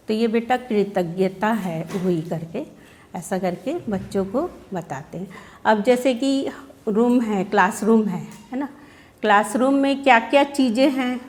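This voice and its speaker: A woman with a mid-range, slightly mellow voice, recorded with a little background noise. She's an Indian schoolteacher at a workshop session, describing how she teaches children by asking questions, acting out their answers, and frequently tagging on "है ना?".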